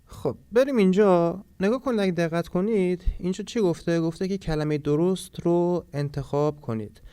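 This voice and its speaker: A man teaching a language lesson from a textbook, reading foreign words slowly and explaining them step by step. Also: sits high, dark tone, clean tone, no echo, studio quality. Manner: explains step by step, reads Swedish words slowly then translates.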